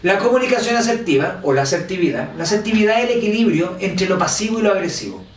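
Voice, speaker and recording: A man with a Chilean accent teaching a recorded course lesson, his voice sitting high for a man. He speaks with animation and keeps checking that his listeners are with him. He sounds a little away from the mic, in an echoey room with a faint hiss behind. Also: fast talker, recorded from a distance. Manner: animated, asks for agreement with "¿cierto?". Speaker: instructor. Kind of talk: online course lecture.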